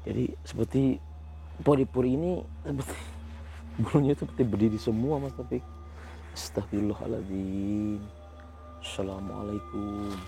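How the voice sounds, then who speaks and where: A man hosting a ghost-hunting vlog outdoors near a village, talking in a hushed voice to his companion and muttering Islamic prayers. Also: mid-range voice, a little fast, creaky, long pauses, faint music behind. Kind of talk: hushed on-location narration.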